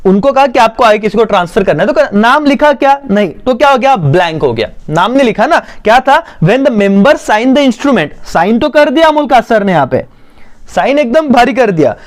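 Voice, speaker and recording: A man teaching a commerce exam-prep lesson, who dictates slowly and then explains quickly. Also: very high voice, big pitch swings.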